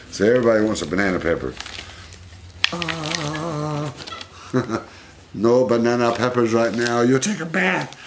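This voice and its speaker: A man's voice: medium pitch, sing-song, unhurried, pauses often, noisy background. A man hosting a casual home video, coaxing and doting on his pet monkeys.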